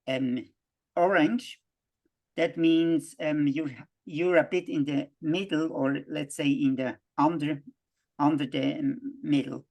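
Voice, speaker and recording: A man from Switzerland, giving a halting worldview lecture full of restarts and fillers. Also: fairly high pitch, gravelly, darkish tone.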